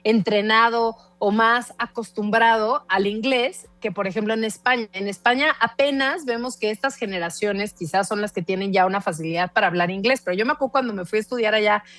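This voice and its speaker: A woman in her forties with a Mexican accent, a guest speaking in an animated, emphatic way on a casual podcast. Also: medium pitch, fairly quick, hardly any pauses, no echo. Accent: Mexican Spanish. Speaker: guest language expert.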